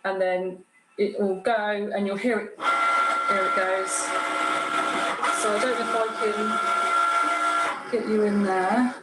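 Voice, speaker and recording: With a medium-pitched voice that swings widely in pitch, a woman speaks slowly and pauses often while showing how a cutting machine works. She is a guest craftsperson giving a casual, hands-on demo and explaining every step plainly. Echo fills the room, and background noise is clearly audible.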